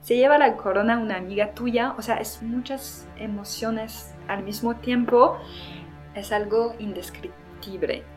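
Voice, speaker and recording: A young woman from France telling a personal story about competing in a beauty pageant in a casual, lively way. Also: fairly high pitch, a little slow, faint music behind. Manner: lively, quotes herself and others in acted voices. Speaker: former pageant contestant.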